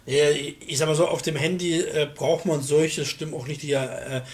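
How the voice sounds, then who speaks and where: A man with a somewhat high-pitched voice talks through technical matters in a casual chat. He is colloquial and often ends a remark with a short questioning tag. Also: steady tone, moderate pace. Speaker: discussion participant demonstrating software.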